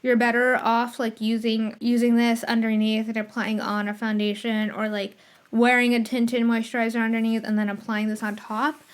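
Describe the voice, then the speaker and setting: A woman's voice: fairly high pitch, level tone, moderate pace, smooth. A woman hosting a casual solo podcast, chatty and rambling, with a slight lisp from a retainer, correcting herself as she goes. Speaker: podcast host.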